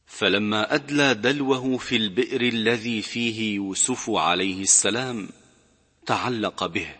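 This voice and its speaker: A man tells a religious story in a measured, steady narrating voice. His voice sits a little low but comes across bright and forceful. A noticeable reverb trails after his words.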